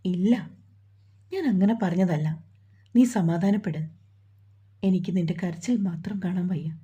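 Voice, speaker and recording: A protective young lover in a romantic storybook, speaking softly and coaxingly, as a woman reads his lines. The voice is dark, mellow and very husky, heard on a dull lo-fi recording. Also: fairly low pitch, measured pace. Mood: soothing. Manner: tender, coaxing.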